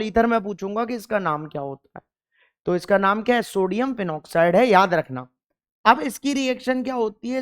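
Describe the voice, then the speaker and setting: Emphatic male teacher, smooth voice. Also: high voice. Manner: emphatic, keeps repeating key points and asking the class questions. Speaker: chemistry teacher. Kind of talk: exam-focused classroom lecture.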